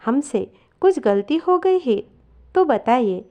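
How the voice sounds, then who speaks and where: A polite young daughter-in-law, read aloud by a woman. She speaks softly and respectfully, soothing rather than arguing. The voice is fairly high and lively in pitch. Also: slow pace, muffled recording, exaggerated voice. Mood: pleading, soothing.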